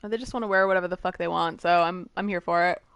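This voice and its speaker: A woman's voice: fairly low pitch, steady tone, quick pace, a bit bright, smooth, no echo. A woman game streamer chatting casually and expressively while commenting on her live gameplay in an informal way.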